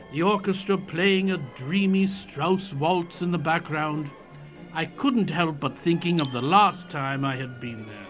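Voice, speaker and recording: A man playing a genial elderly Doctor Watson in audio theatre, a courtly Victorian gentleman telling his memories. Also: a little high. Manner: courtly, old-fashioned turns of phrase.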